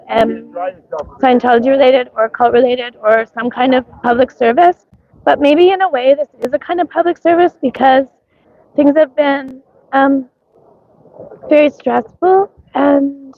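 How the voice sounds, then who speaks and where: Her voice is high-pitched and hoarse from coughing, carrying a mixed accent through dull-sounding audio. Streaming live from a street parade, she chats loosely, says um often, and calls out viewers by name.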